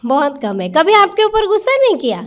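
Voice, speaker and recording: Woman, high-pitched, spiritual teacher, interactive talk, coaxing questions to the audience. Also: wildly swooping pitch, a little fast, fairly bright tone. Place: meditation centre hall with a live audience.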